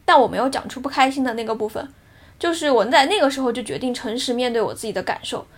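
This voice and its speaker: A woman in her thirties talks fast in a high voice, earnest and reflective as she tells a personal story. Her casual podcast delivery stays conversational and brisk throughout. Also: animated. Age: 30s. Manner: earnest, reflective, re-enacting dialogue in her telling. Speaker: podcast co-host.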